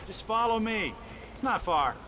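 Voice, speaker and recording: A high-voiced folksy American park manager. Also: male voice, animated, moderate pace, sharp tone, slight background noise. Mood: plain, hurried. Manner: folksy, plain-spoken. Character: folksy, grumbling male trailer park manager. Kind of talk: video game character dialogue.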